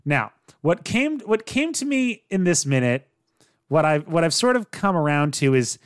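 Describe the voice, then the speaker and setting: A young man co-hosting a casual movie recap podcast, laughing often and telling stories in an animated way. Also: on the high side, normal speed, clear, resonant tone, dry recording, studio quality. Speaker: podcast co-host.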